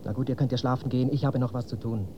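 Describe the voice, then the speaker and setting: A man's voice: mid-range voice, fairly even intonation, very fast, dull audio, slight background noise, natural voice. An actor playing a brooding, arrogant teenage boy in a radio play, curt and dismissive. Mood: defiant.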